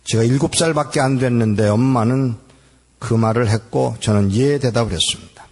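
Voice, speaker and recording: A man's voice: medium pitch, a little fast, a little mellow. A man in his sixties from Korea, preaching a sermon and telling a personal testimony, acting out remembered dialogue. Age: 60s. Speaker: pastor. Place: large hall at a church gathering. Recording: echoey hall with long reverb.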